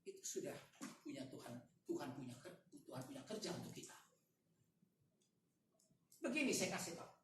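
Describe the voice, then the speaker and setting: A man preaching a sermon at a prayer meeting, animated and full of rhetorical questions and slangy asides. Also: high voice. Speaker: evangelist preacher. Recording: echoey room, distant mic, faint noise.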